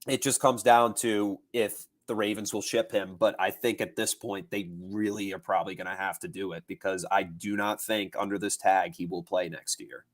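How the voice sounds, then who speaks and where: A man co-hosting a sports podcast, chatting loosely with fillers and restarts. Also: lowish voice. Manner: rambling, lots of fillers and restarts. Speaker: podcast co-host. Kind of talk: casual sports talk.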